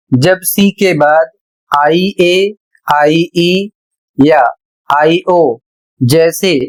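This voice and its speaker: A woman teaches pronunciation rules at a very unhurried pace, spelling each word out letter by letter. Her voice sits a bit low, and she explains every exception with patient care. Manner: spells out letters slowly and carefully. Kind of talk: slow instructional explanation.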